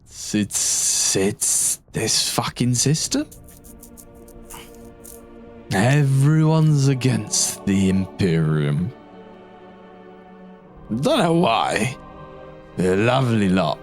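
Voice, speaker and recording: A man's voice: mid-range voice, sing-song, drawn-out words, pauses often. A man voicing a gossipy, weary guardsman in an improvised tabletop role-play, rambling and grumbling. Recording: music under the voice.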